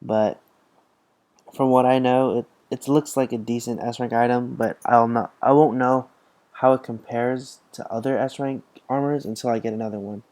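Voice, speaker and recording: Young male gaming host, sleepy rambling commentary, warm mellow tone. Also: medium pitch, steady tone, moderate pace. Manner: rambling, tired, lots of fillers and restarts. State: tired, yawning. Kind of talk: casual gameplay commentary.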